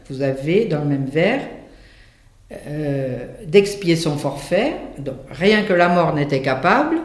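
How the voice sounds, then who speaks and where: A high-voiced man walks students through a classic fable in verse, slowly and with animated emphasis on each word. His voice rings in an echoey room. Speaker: literature teacher.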